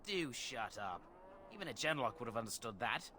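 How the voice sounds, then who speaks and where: An actor playing a sly bandit leader who extorts travelers with a fake toll, sarcastic and scheming. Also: male voice, mid-range voice, sing-song, brisk, pushed and bright, no room sound. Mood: smug. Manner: sly, sarcastic, then groveling.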